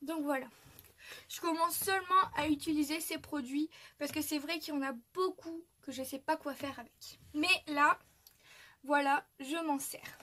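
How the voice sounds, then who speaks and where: A woman's voice: high-pitched, fairly even intonation, moderate pace, a bit bright. A young woman from France chatting through a craft tutorial, full of fillers and little restarts. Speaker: craft youtuber.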